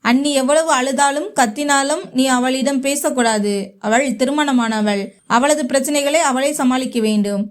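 A woman's voice: high voice, unhurried. A woman voicing a stern, controlling middle-aged father in a read-aloud story, speaking in a strict, commanding way.

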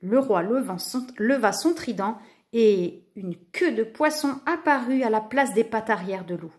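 A woman narrating a children's storybook with lively, expressive reading. Her voice sits a touch high for a woman. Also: unhurried.

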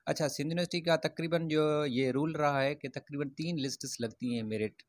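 With a slightly high, brisk voice and no echo in the recording, a male education YouTuber gives viewers a casual rundown of student admission news. He speaks plainly to camera, his explanations loose and full of fillers and false starts.

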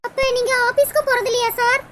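A tearful, clingy young girl from a cartoon short, pleading in a very high, thin voice. Loud hiss runs under every line. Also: level tone, quick pace. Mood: earnest. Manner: weepy, pleading. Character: young lovesick village woman, tearful and clingy.

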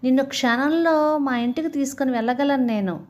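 A scheming male crocodile coaxes and flatters in a raised, sugary voice, as a woman narrator puts him on. He is a storybook villain of the gentle kind, all fawning friendliness over a sly purpose, in a plain read-aloud telling. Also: sits high, normal speed, lightly acted. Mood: coaxing. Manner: coaxing, sweet-talking.

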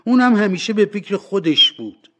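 A man voicing a shrill, scornful old charwoman in an audiobook, talking loudly and sneering. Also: lively intonation. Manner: loud, sneering.

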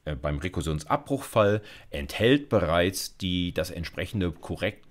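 A middle-aged man teaching at a university delivers a conversational programming lecture via screencast from an indoor setup, going step by step and speaking directly to listeners. He uses a low, animated voice at a measured pace.

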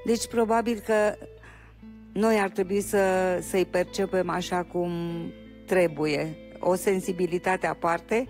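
An older woman, a TV guest, telling a warm and chatty story with many small restarts. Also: fairly low pitch, fairly even intonation, soft background music. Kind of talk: casual chat.

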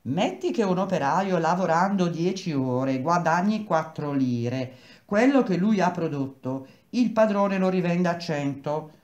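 A woman's voice: lowish voice, expressive, a little slow, a little mellow, lo-fi sound. A woman voicing a stubborn, earnest bricklayer husband who explains things in an echoey room. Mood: explaining.

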